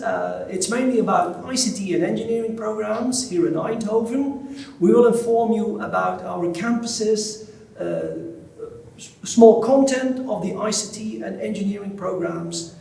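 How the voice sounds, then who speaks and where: High-voiced gravelly man hosting a webinar. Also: darkish tone, reverberant, far from the mic, low-quality recording. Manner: hesitant, with fillers. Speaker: webinar host. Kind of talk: presenting a webinar.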